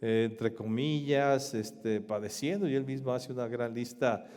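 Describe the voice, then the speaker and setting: A man preaching a sermon as pastor, emphatic, with rhetorical questions and swings between loud and soft. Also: mid-range voice, measured pace, clear, resonant tone, big-room sound.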